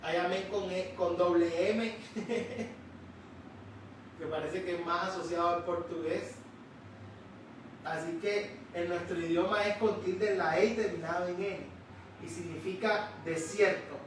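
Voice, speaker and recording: Slow, emphatic high-voiced male preacher. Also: a little hiss or hum. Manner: slow, emphatic, drawing out key words. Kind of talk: sermon. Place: church sanctuary. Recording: echoey church hall, distant mic.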